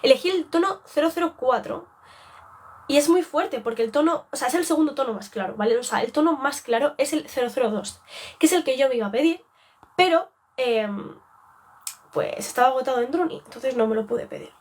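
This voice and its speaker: A woman's voice: high-pitched, expressive, brisk. Rambling young woman with a Spanish accent. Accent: Spain Spanish. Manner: rambling, chatty, self-interrupting. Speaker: beauty streamer. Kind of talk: casual live-stream chat.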